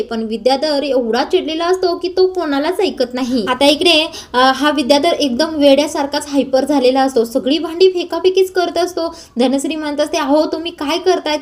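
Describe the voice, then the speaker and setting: A woman narrating a casual recap of a TV serial episode in steady storytelling, with hesitation fillers. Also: sits high, normal speed, few pauses.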